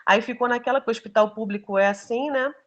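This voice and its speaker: A woman's voice: a little high, fast, muffled recording. A woman giving an earnest, emotional personal testimony, telling her story with many fillers. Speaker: testimony giver.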